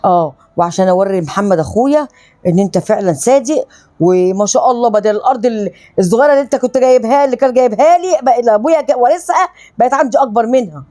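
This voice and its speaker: A woman's voice: a little high, expressive, rapid-fire, dark tone, lightly acted. An actress with an Egyptian accent playing a gullible mother devoted to her swindling husband in a web drama. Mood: trusting. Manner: pleading then scolding.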